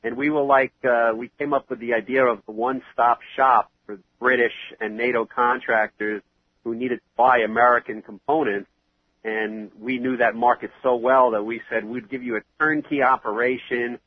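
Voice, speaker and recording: A man's voice: medium pitch, fairly even intonation, normal speed, no echo. A man in his fifties with a New York accent and a head cold, chatting as an interview guest over a phone line. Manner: chatty, rambling with fillers.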